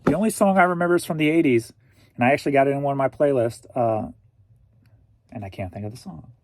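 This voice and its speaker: A jokey St. Louis, Missouri man in his forties talks casually to himself while packing orders for his online resale business. He speaks fast at a medium pitch, and there is no echo.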